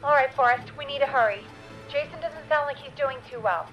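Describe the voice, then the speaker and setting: A woman playing an exasperated radio producer in a video game, brisk, scolding and urgent. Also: high voice, highs cut off, soft background music, close to an everyday voice. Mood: businesslike, urgent. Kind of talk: dramatic video game acting.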